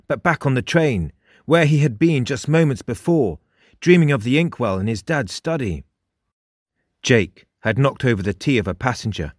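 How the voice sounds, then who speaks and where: A male narrator reads a suspenseful story in a measured, dramatic way, slowing down on the tense moments. His voice sits at an ordinary middle pitch. The sound is close and dry, with no room around it. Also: dry recording. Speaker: audiobook narrator.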